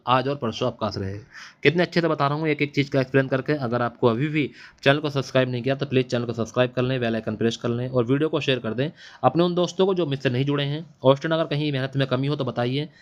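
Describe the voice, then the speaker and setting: A man's voice: medium pitch, fast. A male teacher giving an exam-prep Hindi lesson, repeating answers and quizzing students back on them. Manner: repetitive, drilling answers with quiz-back questions. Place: classroom or home studio at night. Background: faint hiss of a machine running nearby.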